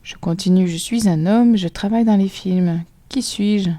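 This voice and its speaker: A woman with a French accent teaching a recorded phonics lesson to children, spelling sounds out slowly and clearly letter by letter. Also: medium pitch, mellow, no echo.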